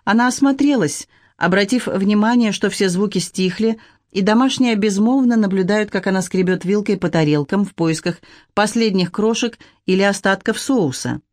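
Brief: audiobook narrator, middle-pitched, steady measured reading, dry close sound. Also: no echo.

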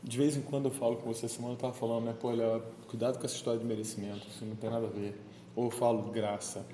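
A man's voice: mid-range voice, flat delivery, very fast, dark tone. A man giving an informal daily homily, talking in a conversational and playful way with the people around him. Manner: conversational, playful, chatting with listeners present. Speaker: pastor. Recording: echoey room with faint ambient noise.

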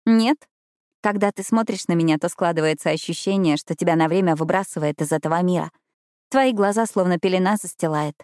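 A woman reading a first-person romance audiobook in an intimate, expressive narrating manner. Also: lowish voice, a little fast, no echo, studio quality.

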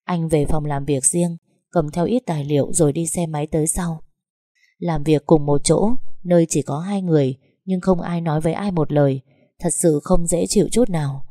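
A woman narrating a story in a calm, even storytelling manner. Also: deep voice, normal speed, no room sound, clean studio sound. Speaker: audiobook narrator.

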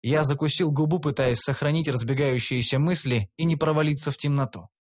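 A man narrating a humorous fantasy audiobook in the first person, with a wry, expressive delivery. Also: on the high side, brisk.

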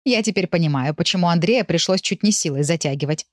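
Storybook hostess: persuasive, reassuring woman, lower pitch, voiced by a woman narrator. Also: lively intonation, fast, no echo, studio quality, natural voice. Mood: coaxing.

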